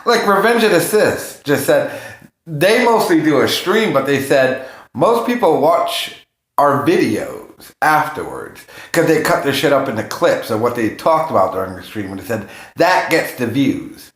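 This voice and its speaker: This man hosts a livestream, talking at a slightly slow pace with a medium pitch and big pitch swings. He's casual and profane, rambling and hopping between topics, in an echoing, roomy space.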